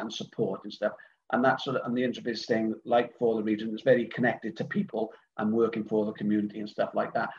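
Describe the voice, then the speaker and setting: Speaking in a medium, slightly mellow voice, a middle-aged man from Cardiff, Wales, appears as a podcast guest; he organises events. His casual talk wanders and hesitates, full of fillers like um and uh and frequent restarts. It comes through a remote online call with dull, lo-fi sound.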